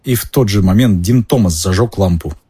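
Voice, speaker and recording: A man reading a story aloud in an expressive, measured way. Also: sits low, husky. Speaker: audiobook narrator. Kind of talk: dramatic audiobook reading.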